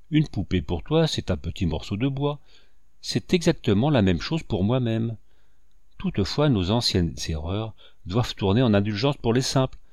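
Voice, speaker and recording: A man voicing a gentle, grieving father in a storybook reading, earnest and tender as he lectures his nephew. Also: lowish voice, dry recording, studio quality.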